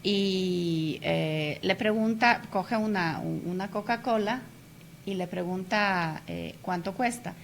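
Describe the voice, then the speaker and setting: A woman's voice: mid-range voice, takes it slowly, gravelly, a little hiss or hum. A woman guest in a radio interview, a language teacher explaining at length with frequent hesitation fillers. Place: radio studio.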